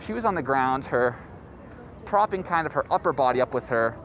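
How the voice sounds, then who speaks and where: A man in his late twenties hosts a podcast, rambling casually and profanely through stories and notes as an animated storyteller. His medium-pitched voice is brisk, the highs are cut off, and loud street traffic fills the background.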